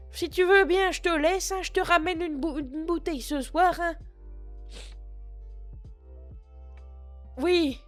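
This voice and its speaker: A man putting on a high-voiced old patois granny. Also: a bit bright. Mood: excited. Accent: put-on Picard and Norman patois mix. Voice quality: sniffly, rambling, swears a lot. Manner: chatty, flustered, self-mocking asides to chat. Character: 60-year-old foul-mouthed female shop clerk, scatterbrained. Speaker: streamer doing roleplay. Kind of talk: live-streamed game roleplay. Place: at home at a computer.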